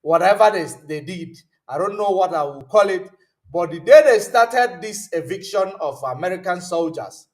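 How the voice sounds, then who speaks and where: Hosting a political commentary livestream, this man has a high, animated voice at a normal speed. He wanders from point to point and answers viewers' comments as they come in, frequently stopping to search out loud for the right word with plenty of ums.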